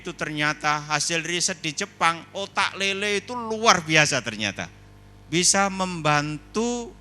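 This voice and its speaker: Animated man with a bright, forceful voice. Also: a little high. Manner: animated storyteller, asks the audience questions. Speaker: seminar speaker. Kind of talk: lively humorous seminar talk. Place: indoor seminar hall.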